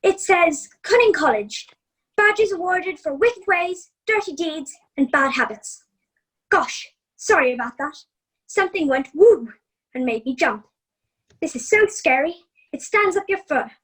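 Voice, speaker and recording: A woman voicing a nervous, complaining young male wolf, reading a storybook letter home in a fretful, expressive way. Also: very high-pitched, measured pace, full character voice, poor audio.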